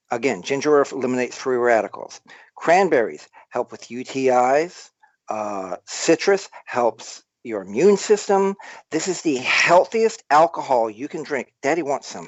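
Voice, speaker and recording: A man's voice: mid-range voice, no echo, dull audio. A man with a Southern American accent, a tipsy guest rambling boisterously in a casual live-stream chat. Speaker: guest toy artist.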